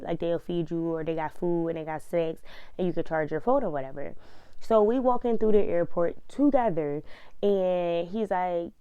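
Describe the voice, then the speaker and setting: A young woman telling a story in a casual vlog, blunt and profane, animated as she goes. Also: lowish voice, smooth, no room sound, muffled recording.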